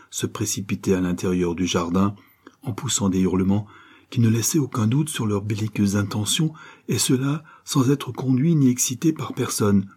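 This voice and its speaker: A man narrating an old adventure novel aloud in a measured, dramatic way. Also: deep voice, warm tone, slightly rough. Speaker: audiobook narrator. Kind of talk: scripted storybook narration.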